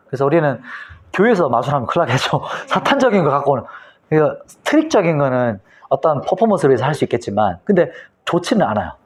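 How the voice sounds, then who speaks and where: A man from Korea, a pastor giving a Bible lecture, who tells the story vividly and acts out the scenes. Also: medium pitch. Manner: animated storytelling, acting out scenes.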